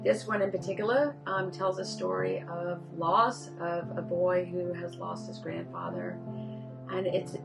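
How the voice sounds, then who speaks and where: Woman publisher, measured presentation, gravelly tone, music behind. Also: fairly low pitch. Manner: measured, with pauses and fillers. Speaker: publisher presenting her list. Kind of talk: prepared presentation.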